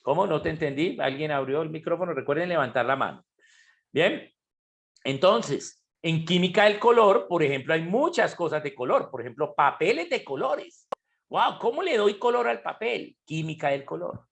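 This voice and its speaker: A man with a higher-leaning, slightly bright, creaky voice explains chemistry step by step to an online class, speaking at normal speed with lively intonation. He keeps asking whether students are following, and his computer mic picks him up on a video call.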